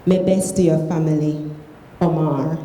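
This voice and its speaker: Mellow Belizean woman reading in an echoey room. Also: low voice, steady tone, measured pace. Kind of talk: literary reading aloud of prose fiction. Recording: echoey room, faint background noise.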